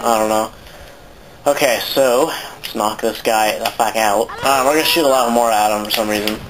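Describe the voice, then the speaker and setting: A man's voice: medium pitch, background noise. A man with a sore throat giving rambling, casual commentary while playing a video game, swearing often. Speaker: let's play commentator.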